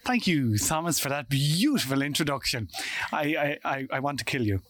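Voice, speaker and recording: A man's voice: a little high, animated, normal speed, a bit bright. Man in a put-on radio voice. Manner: puts on a formal radio-announcer voice. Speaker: podcast host, students' union officer. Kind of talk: casual podcast chat.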